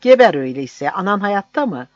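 A man voicing a cruel, mocking soldier who shouts and taunts, on a dull, dry recording. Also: high voice, very animated, a little fast, no echo, voice pushed up. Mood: taunting. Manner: jeering, shouting.

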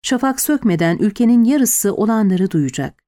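A woman voicing a tired, calm nobleman who speaks low and patiently in an audiobook. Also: normal speed, natural voice. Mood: weary.

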